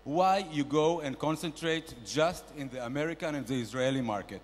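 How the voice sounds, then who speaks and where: A man's voice: normal speed, slight background noise, natural voice. A man playing a brash, boastful male investor nicknamed a shark, barking bossy mock-grand business advice at a conference panel. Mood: pushy. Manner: loud, bossy, mock-grand sales pitching. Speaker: comedian performing at a panel. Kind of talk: stand-up character bit. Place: large conference hall. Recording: reverberant conference hall.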